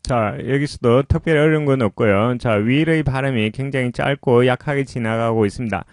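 A man's voice: medium pitch, no echo. Patient male pronunciation teacher, dry sound. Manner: patient and explanatory, often pausing with "자". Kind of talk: lesson explaining pronunciation.

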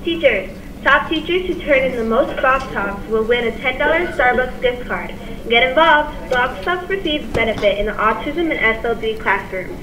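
A woman's voice: sits high, animated, moderate pace, a crowd in the background. A woman reading school announcements in an upbeat, sing-song manner, heard over a school intercom speaker. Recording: echoey, distant, noisy intercom.

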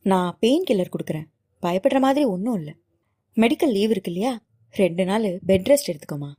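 A brisk, motherly woman doctor in her sixties, played by a woman audiobook narrator. She talks fast and a little low, kindly and matter-of-fact. An audiobook character voice. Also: expressive, warm tone, husky, no room sound, clean studio sound. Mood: caring.

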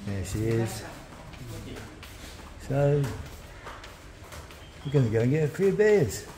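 A man casually narrating his travel vlog while walking at night, relaxed and rambling. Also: mid-range voice, takes it slowly. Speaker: vlogger. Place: outdoors at night on city streets. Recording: noisy street recording. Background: street traffic noise.

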